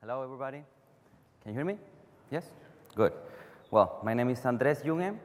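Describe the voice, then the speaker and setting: A man's voice: mid-range voice, lively intonation, moderate pace. Chilean man speaking in an echoing hall. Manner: non-native phrasing, frequent restarts, rhetorical "right?". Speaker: conference speaker. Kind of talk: technical conference talk. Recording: long reverb of a large hall.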